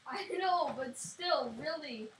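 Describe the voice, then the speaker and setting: Insistent high-voiced woman in an echoey room. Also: lively intonation, slow, fairly bright tone. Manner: mock-indignant, insistent. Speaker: gaming video co-player. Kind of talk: casual gameplay banter. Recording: noisy, echoey room, clicks.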